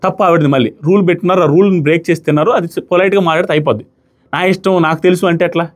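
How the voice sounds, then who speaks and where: This reality show reviewer races along in a slightly high voice whose intonation stays fairly even. Casual and argumentative, he makes his points emphatically and acts out contestants' words at full volume.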